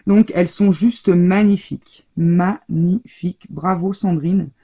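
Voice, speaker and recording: A woman's voice: mid-range voice, animated, normal speed, dark tone, husky, lo-fi sound. A woman hosting a craft channel, chatting as she opens her mail at home and gushing over each card between lots of little fillers. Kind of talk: casual chat opening mail. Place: home craft room, shutter half closed. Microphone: overhead table camera.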